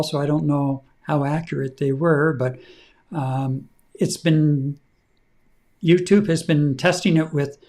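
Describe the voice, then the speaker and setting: Slow-talking man hosting a chat show. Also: fairly high pitch. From Canada. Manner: relaxed, rambling with fillers. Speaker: podcast co-host. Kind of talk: casual chat.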